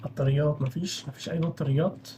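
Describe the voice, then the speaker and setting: A young Egyptian man talks very quickly through a horror game, nervous and chatty, and keeps apologizing to the characters he meets. A faint hiss sits under his voice. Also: a little high, steady tone, warm tone. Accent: Egyptian Arabic. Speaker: gaming channel host. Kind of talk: horror game let's play commentary.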